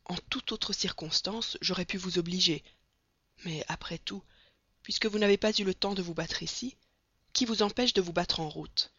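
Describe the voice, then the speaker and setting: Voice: mid-range voice, normal speed, bright, forceful tone, slightly rough, no room sound. A reader voicing a polite, apologetic train conductor, in a dull, dry recording.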